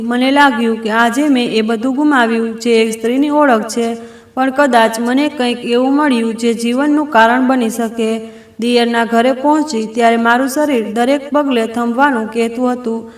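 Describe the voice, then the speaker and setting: A woman narrating a sad first-person story in a steady, sorrowful way. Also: fairly high pitch, echoey room.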